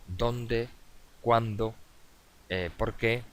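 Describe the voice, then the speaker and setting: A man's voice: mid-range voice, fairly even intonation, very slow, a bit bright. A man teaching a recorded adult-education lesson, explaining step by step, asking questions and answering them himself, with frequent fillers and self-corrections. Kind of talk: video tutorial lecture.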